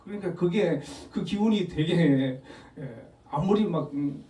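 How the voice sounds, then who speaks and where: Man, pastor, lively conversational sermon, light chuckles, warm tone, roomy church sound. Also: a little high, unhurried. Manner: conversational, animated storytelling with frequent chuckles. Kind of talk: Sunday morning sermon. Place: church sanctuary. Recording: echoey hall, voice from a distance.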